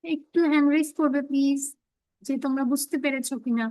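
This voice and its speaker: High-voiced woman teaching an online class. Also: flat delivery, mellow, no room sound, rough recording. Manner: explains in Bengali, reads English definitions very slowly; checks understanding, calls on students. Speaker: English teacher.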